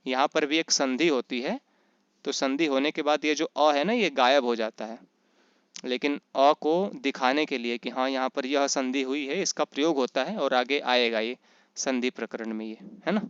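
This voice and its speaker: A man teaching Sanskrit in an online class, asking questions and answering them himself, and slowly chanting grammar rules. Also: medium pitch, clean tone, no echo, highs cut off. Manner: often checks in with "is that right?". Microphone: computer mic in an online class.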